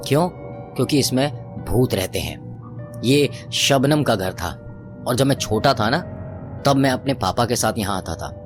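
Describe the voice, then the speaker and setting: A man voicing a frightened street vegetable seller who speaks slowly in hushed, ominous warnings. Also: mid-range voice, expressive, over music, lightly acted.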